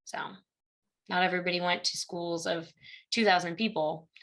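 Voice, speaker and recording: A young university instructor from Illinois, speaking with a Midwestern accent, chats casually as an interview guest and acts out the exchanges she recounts. Her voice is fairly low and fairly bright, with fairly even intonation at a moderate pace.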